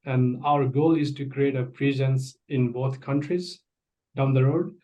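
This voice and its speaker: A man's voice: mid-range voice, steady tone, measured pace, dark tone. A man from Nepal, president of an engineering firm, giving earnest, formally phrased answers on a video call. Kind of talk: prepared interview answers. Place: home office, indoors. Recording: dull lo-fi call audio.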